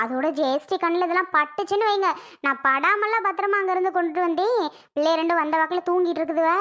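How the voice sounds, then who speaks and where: A very high, bright cartoon wife, scheming and grasping. She pushes her point again and again, insistent and sharp-tongued, in a squeaky, tense voice. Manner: pushy, insistent. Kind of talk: cartoon voice acting.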